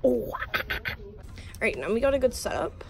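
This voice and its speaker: Teen girl vlogger, high and bouncy, phone-mic sound in a big shop. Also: sing-song, normal speed, gravelly, darkish tone. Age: teens. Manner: chatty, joking, lots of "like". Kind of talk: casual shopping vlog chat. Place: large retail store, indoors. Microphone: handheld phone at arm's length.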